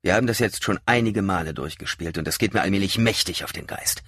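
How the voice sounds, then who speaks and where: A man's voice: low voice, fast talker, a bit bright, breathy edge, dry recording, clean studio sound. A man voicing a bearded young former college student who whispers and pushes back irritably. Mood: hushed tense.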